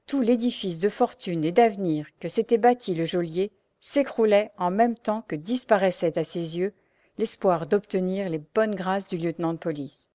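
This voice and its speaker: A woman reading a classic adventure story aloud in a measured narration. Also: lowish voice, mellow, no room sound, studio quality.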